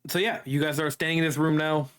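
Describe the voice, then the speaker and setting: A man's voice: on the high side, steady tone, fast talker, a bit bright. A man narrating as game master of a casual tabletop game, laughing often between rulings.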